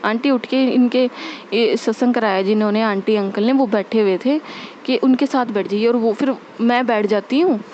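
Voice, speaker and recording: A young woman telling a heartfelt spiritual testimony, earnest and repetitive, with many pauses and fillers. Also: on the high side, darkish tone, a little hiss or hum. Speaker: devotee sharing a testimony. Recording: dull lo-fi recording.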